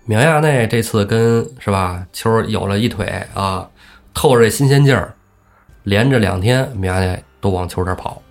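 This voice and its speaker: A man telling a classic tale on a casual storytelling podcast, acting out the characters' lines with lively energy. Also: on the low side, normal speed, gravelly, soft background music. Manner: lively, acts out characters' shouts. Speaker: storyteller host.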